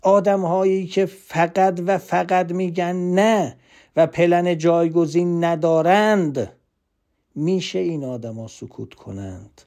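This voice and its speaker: Emphatic man with a mellow voice. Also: high-pitched. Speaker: motivational speaker. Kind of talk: lively motivational talk.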